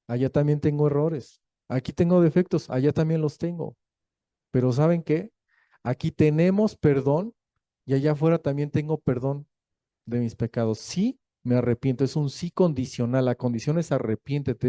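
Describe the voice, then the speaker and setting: A male pastor, preaching a sermon in a lively, joking storytelling manner. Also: a little high, dry recording. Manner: lively storytelling, acting out quoted voices; jokey, laughs between points.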